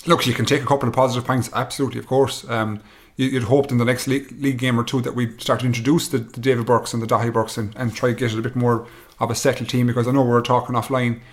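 A man's voice: medium pitch, little pitch movement, quick pace. A man from Galway with a west of Ireland accent, giving casual sports analysis as a pundit.

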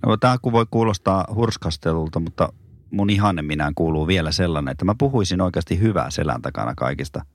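Middle-aged man, deep voice, podcast co-host, self-deprecating, dry close sound. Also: expressive, no echo. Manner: self-mocking, laughs often. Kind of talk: casual chat.

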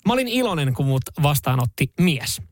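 A man's voice: fairly high pitch, very animated, no room sound, studio quality. Chatty man hosting a radio morning show. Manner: chatty, jokey, self-mocking. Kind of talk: casual radio banter. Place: radio studio. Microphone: studio microphone.

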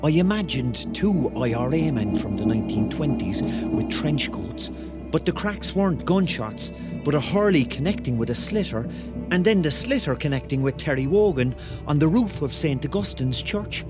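Slightly high and expressive, lightly acted at a moderate pace, this is an actor playing a Cork man in his thirties who narrates and leads a radio drama. He speaks colloquially and wryly in a Cork Irish accent, a dreamy storyteller in a tense tale. Music runs behind him.

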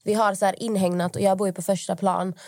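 A woman's voice: medium pitch, level tone, a little mellow, no echo, clean studio sound. A young woman co-hosting a podcast, telling rambling stories in casual chat, full of fillers and acted-out quotes. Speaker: podcast co-host.

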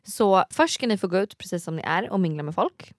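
A woman's voice: mid-range voice, animated, no room sound, clean studio sound. A woman co-hosting a casual chat podcast. She reacts with short exclamations and then tells her own stories. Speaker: podcast co-host.

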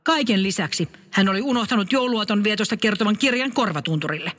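A woman narrating a comic Christmas story in a calm storytelling manner. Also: mid-range voice, in a large hall.

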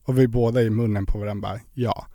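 Young man, chatty storyteller, low dark voice, dry close sound. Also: fairly even intonation, no room sound. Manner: chatty storytelling with many fillers. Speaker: podcast guest. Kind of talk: casual interview chat.

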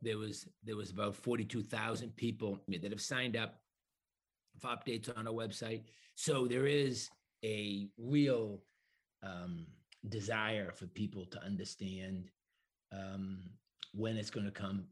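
A man's voice: on the low side, husky. A middle-aged man giving explanatory interview answers, building points through emphatic repetition and lists. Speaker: broadband executive interviewee.

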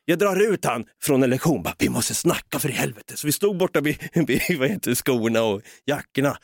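A man co-hosting a casual podcast, spinning a funny anecdote out loud. His pitch swings up and down with lots of life as he builds the story. He talks loosely and swears freely. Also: gravelly, dry recording, studio quality. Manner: animated, swearing, acts out voices in his anecdotes. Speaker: podcast co-host.

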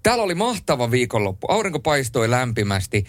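A man hosting a late-night radio show in a studio, chatting and joking lively and reading listener messages aloud. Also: medium pitch, no echo. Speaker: radio host. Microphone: studio microphone.

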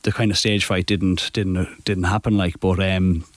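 A young Irish man talks through old stories in a relaxed, rambling way, stopping to correct himself and breaking into laughs. His voice sits low, and the sound is dry and close, with no room around it. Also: unhurried, dry recording. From Ireland. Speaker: podcast guest, goalkeeper. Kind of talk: casual storytelling chat.

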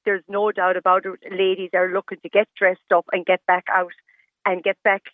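A woman's voice: mid-range voice, monotone, moderate pace, no echo. West of Ireland woman on a muffled phone line. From Galway, west of Ireland. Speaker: interview guest, stylist and fashion competition judge. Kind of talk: live radio phone interview. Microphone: telephone.

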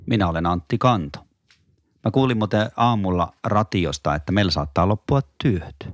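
Deep-voiced man trading jokes on a podcast. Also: no echo. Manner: joking, dry humor. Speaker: podcast co-host, class teacher. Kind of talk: casual podcast chat.

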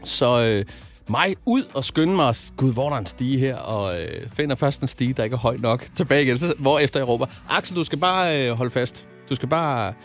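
A man's voice: medium pitch, expressive, soft background music. A man in his thirties from Zealand, a radio host telling a weekend story in casual chat, full of fillers and restarts. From Zealand, Denmark.

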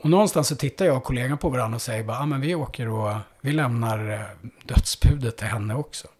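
A man who works as a police officer, recounting a hard call-out in a conversation, halting and full of fillers, dropping low and quiet at the heaviest parts. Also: husky. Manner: halting, with many fillers and restarts.

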